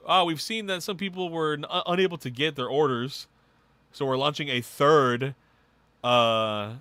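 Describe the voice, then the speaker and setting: A man co-hosting a podcast, rattling off game news in casual, swearing slang with excitement. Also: medium pitch, clear, resonant tone, no echo. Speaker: podcast co-host. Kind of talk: casual chat.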